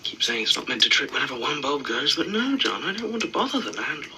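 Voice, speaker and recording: A man acts a weary, grumbling man in an audio drama. His very bright, lively voice mutters in exasperation over faint background noise. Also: fairly high pitch, fairly quick, full character voice.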